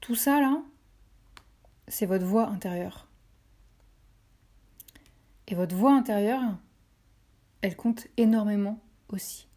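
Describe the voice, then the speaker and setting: Her voice mid-range and dark, a French podcast host talks slowly with long pauses. The talk is motivational: she speaks directly to listeners, encouraging them and repeating phrases for emphasis.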